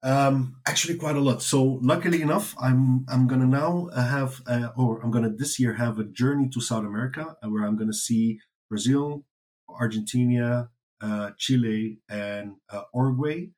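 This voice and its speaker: A man whose first language is Dutch answers interview questions casually, rambling with lots of fillers and restarts and laughing easily. His voice is medium-pitched, steady and slightly mellow, at a moderate pace.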